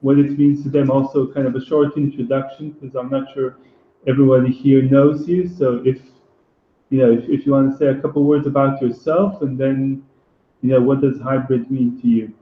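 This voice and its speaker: A man hosting a hybrid session, talking haltingly with many fillers. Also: medium pitch, flat delivery. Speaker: session host. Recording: phone-like, echoey, faint noise.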